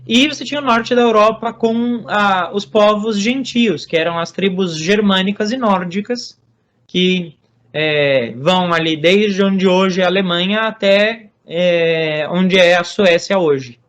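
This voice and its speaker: A Brazilian man with a high, fairly bright voice speaks as a guest author on Norse religion, giving explanatory interview talk. His Brazilian Portuguese accent comes through, and he is measured, with many hesitations and restarts.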